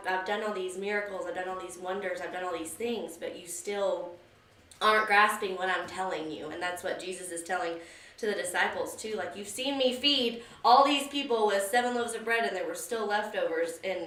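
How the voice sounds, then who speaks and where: A woman sharing her thoughts in a casual Bible study, chatty and animated. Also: medium pitch, normal speed. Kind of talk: casual discussion. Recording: echoey room from a distance.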